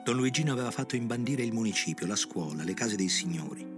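A middle-aged man reading a novel aloud in a measured, grave narrating voice. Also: lowish voice, expressive, over music.

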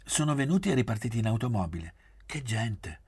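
A man voicing a sulky young serving girl who grumbles quickly. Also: mid-range voice, sing-song, a little mellow, breathy edge, no echo, pitched above the performer's own voice, exaggerated voice. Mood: grumbling.

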